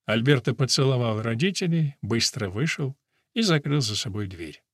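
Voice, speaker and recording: A man reading a novel aloud as narrator in an even, measured storytelling voice. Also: medium pitch, husky, no room sound, studio quality. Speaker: audiobook narrator. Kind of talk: scripted narration.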